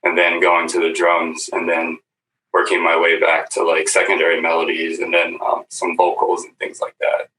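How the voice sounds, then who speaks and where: Man, very deep bright voice, halting, fillers, roomy distant mic, faint noise. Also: completely flat delivery. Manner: slow, halting, many fillers. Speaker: guest musician. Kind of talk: casual chat on a live stream.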